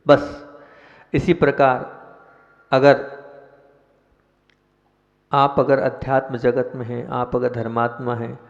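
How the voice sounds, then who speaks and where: Male monk preacher, slow and gravelly, questions the congregation, dull reverberant hall recording. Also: mid-range voice. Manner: slow, measured, asks the listeners questions. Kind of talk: sermon with chanted invocation.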